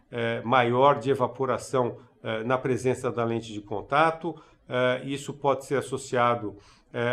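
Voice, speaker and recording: A man giving a recorded conference lecture on eye care, halting, with many fillers and restarts. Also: mid-range voice. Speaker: ophthalmology lecturer.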